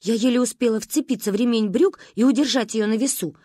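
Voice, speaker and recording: A woman reading a children's story aloud in a lively, expressive way. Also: on the high side, quick pace, no room sound. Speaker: audiobook reader. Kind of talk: storybook narration.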